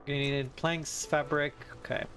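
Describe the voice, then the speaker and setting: An Australian man streams a strategy game, chatting casually to himself, thinking aloud, correcting himself and weighing his choices. His voice is a little high and a bit bright, with a flat delivery at normal speed and a faint hiss or hum. Music plays beneath him.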